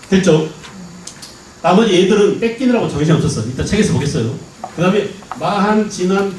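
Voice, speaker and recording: Animated male history lecturer in an echoey hall. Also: high-pitched, a little hiss or hum. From Jeolla province, Korea. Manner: animated, keeps checking understanding with rhetorical questions. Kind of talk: lively classroom lecture. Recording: echoey hall, mic at a distance.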